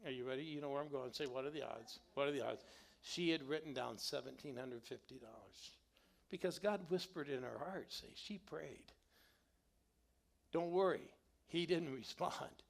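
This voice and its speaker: A middle-aged male pastor tells stories from the pulpit, his voice gravelly at a middle pitch. He urges the congregation to respond out loud and build up the story with him. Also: normal speed. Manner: animated, calls on the congregation to respond. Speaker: guest pastor. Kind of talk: storytelling sermon. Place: church sanctuary.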